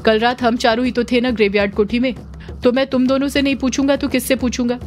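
Young man, voiced by a woman, teasing, blunt, suspicious, storybook horror reading, raised pitch. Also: little pitch movement, quick pace, faint music behind, natural voice. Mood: probing. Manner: teasing, probing questions.

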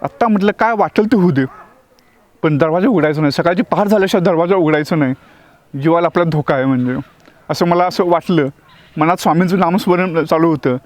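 A man's voice: on the high side, brisk. A man who teaches acting tells a personal devotional experience as a story. He talks vividly, acts out the dialogue, and often restarts his words.

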